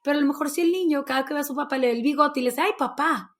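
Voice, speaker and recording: Mexican woman in her thirties, high voice, chatty guest, acts out talks with her kids. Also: racing. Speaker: guest, baby sign language instructor. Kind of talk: casual interview chat.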